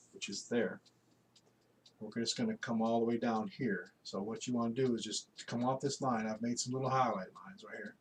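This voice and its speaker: Guy teaching drawing while he works, laid back, pointing at every line, faint hiss behind. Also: on the low side. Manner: relaxed, instructive, talks while working with frequent pointing words. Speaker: art instructor. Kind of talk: drawing tutorial walkthrough.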